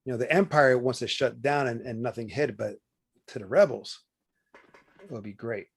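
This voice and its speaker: A man's voice: mid-range voice, normal speed, vocal fry, husky. Rambling man in casual review chat. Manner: rambling, stumbles over names, lots of "you know". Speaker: co-host. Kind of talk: casual watch-party chat.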